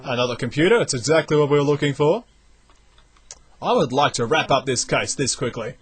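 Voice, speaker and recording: A young man, not from the United States, commentating a video game as he plays, thinking out loud with lots of energy. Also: mid-range voice, fairly quick, husky. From outside the United States. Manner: animated, thinks aloud while playing. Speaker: let's play commentator. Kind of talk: gameplay commentary.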